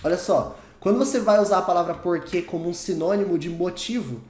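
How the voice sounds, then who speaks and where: A man's voice: high voice, a little fast, a little mellow, echoey room. A man with a Brazilian Portuguese accent teaching a whiteboard lesson, explaining patiently and often checking in with the learner. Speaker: English teacher.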